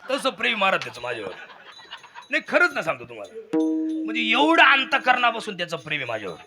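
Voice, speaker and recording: A man giving a humble, folksy thank-you speech at the close of a devotional kirtan, often asking the crowd to agree with him. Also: sits high. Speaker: kirtan performer.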